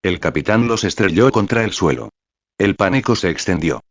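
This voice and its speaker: A man's voice, synthetic-sounding, reads a fan fiction audiobook in an even, flat way. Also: low-pitched, moderate pace, no echo. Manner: even, flat reading that spells out web addresses. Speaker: narrator. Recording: dry, slightly dull lo-fi sound.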